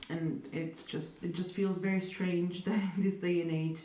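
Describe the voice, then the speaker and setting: Fairly low in pitch and warm, this young woman's voice has a flat delivery and a normal speed. She comes from Italy and is being interviewed in a reflective, conversational way, answering thoughtfully with many hedges and fillers and some dry, wry humor. It was recorded on a distant mic in an echoey room, with faint noise.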